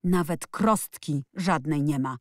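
A woman voicing a fierce, bossy little girl who scolds in sharp shouts. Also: deep voice, slow pace, dry recording, studio quality. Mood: stern.

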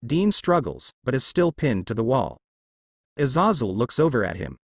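Male fanfic narrator, animated storytelling read. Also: mid-range voice, normal speed, vocal fry, no echo, studio quality. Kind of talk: fanfiction reading.

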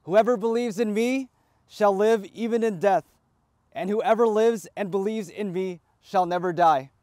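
A man, a priest, reciting the prayers of a graveside funeral rite in a measured liturgical cadence. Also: sits high, darkish tone, dry recording.

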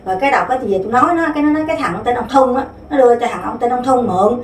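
Woman in her fifties, rapid and rambling, slightly high voice, recorded off-mic in a roomy space with faint noise. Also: far from the mic. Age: 50s. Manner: rambling, many fillers and restarts. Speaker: interviewee. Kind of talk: casual spoken complaint.

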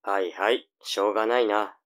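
A man's voice: on the low side, steady tone, moderate pace, a bit bright, natural voice. A man playing a nagging, flippant young older brother in a tongue-twister audio drama. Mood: sulky.

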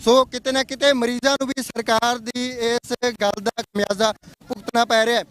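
A man reporting live from a roadside barricade, speaking urgently and with passion. His voice sits very high for a man, and he presses his appeal to the authorities with insistence. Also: little pitch movement, normal speed, a bit bright, slight background noise. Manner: urgent, impassioned, appealing to officials. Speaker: field reporter. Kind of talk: live on-the-spot news report. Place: outdoors at a road barricade.

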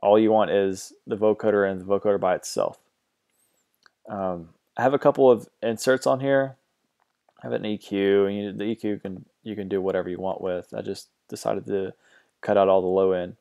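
Recorded seemingly at home on a mono mic, a tutorial host describes a music-software routing setup in a fairly low voice with vocal fry and fairly even intonation. He's casual and hesitant, often restarting and filling pauses with ums.

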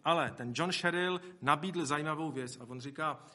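A man's voice: a little high, bright, forceful tone. A man preaching a sermon in a conversational way, with asides to the congregation and acted-out quotes. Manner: acts out quoted speech.

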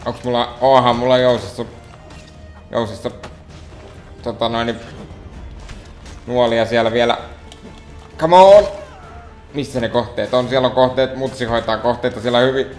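Guy muttering at his game, mid-pitched, kinda exasperated, roomy echo. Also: little pitch movement, long pauses, faint music behind. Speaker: let's play gamer. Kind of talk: gameplay commentary. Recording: echoey room.

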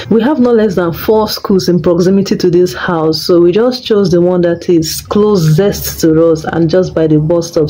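A young woman from Nigeria, chatting casually in a vlog about renting her first flat. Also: lowish voice, low-quality recording. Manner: chatty, conversational storytelling. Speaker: vlogger.

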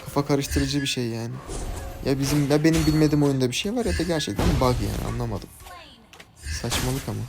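Young male streamer, mid-pitch, chatty play-by-play over loud game music. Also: fast, vocal fry. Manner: chatty, excitable, talks to teammates and viewers. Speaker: gaming YouTuber. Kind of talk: casual gameplay commentary.

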